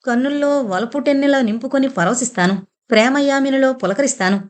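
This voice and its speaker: A woman's voice: sits high, brisk, voice pushed up, close to an everyday voice. A woman voicing a young woman in love who speaks in a rapturous, poetic, trance-like way in a storybook reading.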